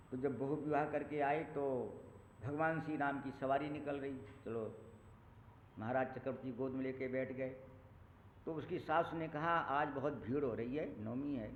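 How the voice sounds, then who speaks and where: A male preacher giving a Ram Katha sermon, telling a story and chanting verses slowly in a melodic style. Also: medium pitch, fairly even intonation, darkish tone, a little hiss or hum. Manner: slow sung recitation of verses, storytelling with acted quotes. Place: temple hall. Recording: echoey hall over a tinny lo-fi line.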